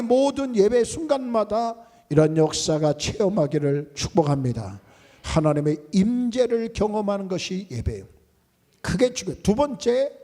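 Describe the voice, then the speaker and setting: Animated male pastor preaching in a reverberant church. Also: high-pitched. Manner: emphatic preaching, repeating key words. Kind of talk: sermon. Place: large church sanctuary.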